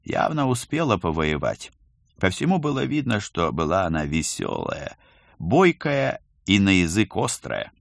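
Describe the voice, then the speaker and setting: A man narrating an audiobook in an expressive storytelling manner. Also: low voice, measured pace, creaky, no echo, studio quality. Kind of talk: scripted narration.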